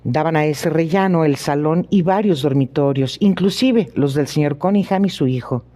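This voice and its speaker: Mellow-voiced male audiobook narrator. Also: on the high side, normal speed. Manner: steady, clear storytelling. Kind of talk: audiobook reading.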